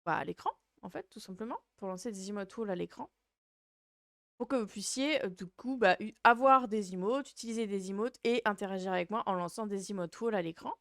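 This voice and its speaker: A woman chats casually as the host of a livestream, in a cute streamer manner. Her voice is smooth and clean at a middle pitch, recorded dry. She rambles playfully, with frequent hesitations. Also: brisk, dry recording.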